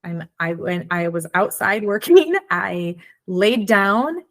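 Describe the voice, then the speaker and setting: A woman's voice: mid-range voice, slow pace. Reflective woman in her forties. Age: 40s. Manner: reflective, acts out her own inner voice. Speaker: podcast host. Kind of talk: casual chat.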